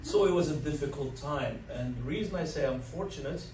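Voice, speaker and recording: His voice a little high and his pace slightly quick, the man, a sixty-something dining director from Morocco, chats through his life story as an interview guest. He wanders off topic, chuckles a lot, and leans on fillers, while the distant mic in the big learning center room captures echo and faint noise.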